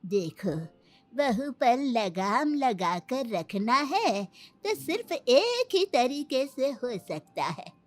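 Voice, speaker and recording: A woman voicing a wise old woman in a cartoon story, giving measured advice. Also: high-pitched, sing-song, exaggerated voice. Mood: advising. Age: older. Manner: measured, advising.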